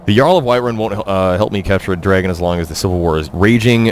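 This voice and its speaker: A young man doing casual, halting, sardonic commentary as he live-streams a video game. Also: low voice, a little hiss or hum. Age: young adult.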